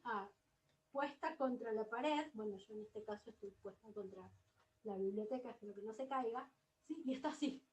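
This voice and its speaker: A woman's voice: on the high side, rough recording. A woman teaching a recorded class lesson, explaining patiently and often checking in with the listener. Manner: patient, explanatory, keeps asking "¿sí?".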